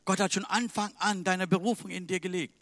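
A man preaching a sermon in a language that is not his first, emphatic and swinging between loud and quiet. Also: sits high, steady tone, brisk, no room sound.

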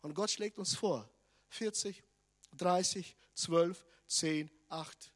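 Male preacher, high voice, emphatic church sermon. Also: slow. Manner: emphatic, swings from loud declarations to quiet asides.

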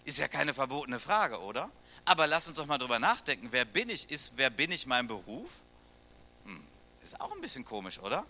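A man's voice: mid-range voice, big pitch swings, brisk, pushed and bright. A middle-aged man from Germany, a pastor preaching a sermon in a conversational way, often putting questions to his listeners. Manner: conversational, asks the congregation questions.

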